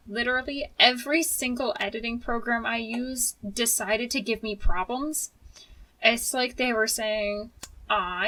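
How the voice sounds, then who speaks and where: Higher-voiced woman in a casual personal vlog. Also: fairly bright tone, distant mic, low-quality recording. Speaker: video creator.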